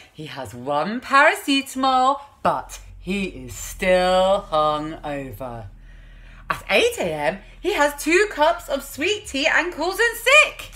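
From a small room in her home, a woman in her thirties who vlogs about parenting reads a story aloud in a playful, dramatized way, overemphasizing lines and adding chatty remarks. Her voice is medium in pitch, bright and pushed.

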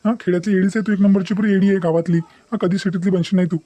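A man's voice: high voice, steady tone, dark tone, no room sound. A man voicing a young, deceitful, bossy boyfriend in a cartoon, dismissive and threatening. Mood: angry. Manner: dismissive, taunting, fast-talking. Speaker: cartoon character. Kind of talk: Marathi cartoon voice acting.

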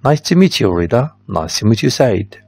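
A man's voice: on the low side, very animated, normal speed, creaky, a little mellow, husky, no echo. A man, teaching English by reading out the answers of a test and explaining points in Darija. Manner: reads answers aloud, switches to Darija to explain. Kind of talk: test correction lesson.

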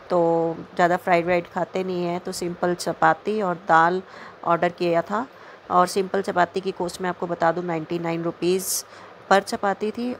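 Speaking in a lowish voice over slight background noise, a young vlogger with a North Indian accent chats casually in her voice-over. English words and phrases slip into her speech, and she frequently checks in with whoever is listening.

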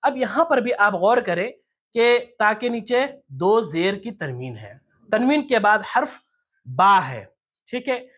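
Patient teacher spelling out sounds slowly. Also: mid-range voice, sing-song, fairly bright tone, slightly rough. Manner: patient, explains step by step and asks rhetorical questions; spells out letters slowly and stretches syllables. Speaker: Quran recitation teacher. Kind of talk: tajweed lesson.

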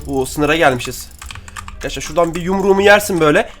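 Young male gaming creator: high-pitched, fast-talking, excitable, slangy, chatty with viewers over soft background music. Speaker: gaming YouTuber. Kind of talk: live gameplay commentary.

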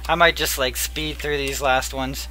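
Sitting at a table in a small room with a headset on, a young man gives casual commentary as he opens card packs, speaking at medium pitch and a little slowly. His voice is going hoarse as he loses it, and he murmurs card names with occasional bursts of excitement.

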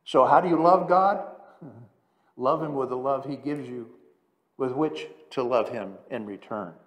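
Man preaching in an echoey hall. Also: medium pitch. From United States. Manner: teaching, explains terms, slows down to stress scripture. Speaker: pastor. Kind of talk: sermon. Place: church sanctuary.

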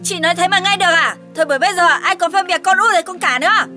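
Woman as a very high, bright, fast-talking young wife, sharp and indignant. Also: faint music behind. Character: scheming young wife eyeing the inheritance. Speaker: daughter-in-law.

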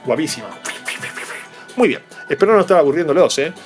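A man's voice: fairly high pitch, lively intonation, fairly quick, faint music behind. A man, unboxing toys and patiently explaining them to young viewers, checking in with them all the time. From Argentina. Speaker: toy unboxing vlogger.

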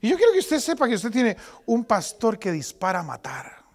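A man in his forties preaching a sermon as pastor in a church, dramatic, going from loud outbursts to hushed whispers. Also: extremely high pitch, huge pitch swings, normal speed. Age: 40s.

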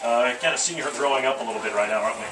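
Speaking rapid-fire at medium pitch and far from the mic, a male sports radio announcer interviews someone after a game. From a small wooden press box, over a headset mic, he asks long, rambling questions full of restarts, and the recording is echoey and off-mic with noisy outdoor ambience.

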